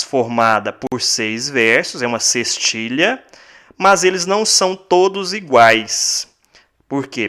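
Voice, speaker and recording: In a recorded lesson, a male teacher with a Brazilian Portuguese accent speaks at an unhurried, deliberate pace. His medium-pitched voice is bright and forward. He works methodically, repeating each point and counting items aloud one at a time.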